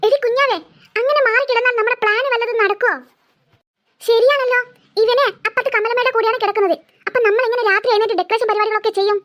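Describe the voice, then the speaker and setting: A woman's voice: very high-pitched, fairly even intonation, fast, a bit bright. A woman voicing a worried young girl in a cartoon who frets over a secret plan. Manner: anxious, urgent. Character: worried, scheming young girl planning a surprise.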